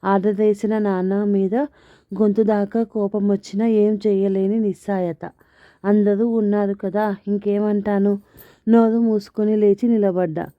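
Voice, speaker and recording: A woman narrates a comic family story in the first person, wry and expressive. Her voice sits in a middle pitch. The sound is thin and phone-like, with no room echo. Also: a little slow. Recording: tinny phone-like, dry.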